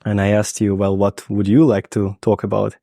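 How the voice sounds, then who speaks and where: A man's voice: fairly low pitch, completely flat delivery, normal speed, creaky, dark tone, dry recording, clean studio sound. A man in his thirties hosting an interview podcast, asking long rambling questions with many fillers. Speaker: podcast host. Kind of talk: casual interview.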